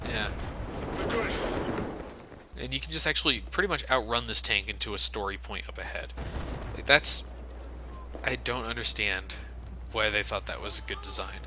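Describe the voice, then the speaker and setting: A man with a lowish voice plays a video game and riffs on it in a casual, joking, sarcastic way, swearing freely as a Let's Play commentator. He talks at a moderate pace with frequent pauses, and his tone is bright and forceful. Game gunfire and ambience sit behind him, with slight background noise.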